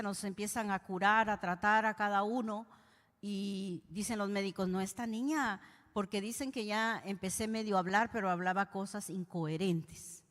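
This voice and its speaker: A woman preaching her personal testimony, emotional and speaking straight to the listeners. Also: mid-range voice. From Guatemala. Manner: emotional, addresses listeners directly. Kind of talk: testimony sermon. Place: church hall. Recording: long hall reverb.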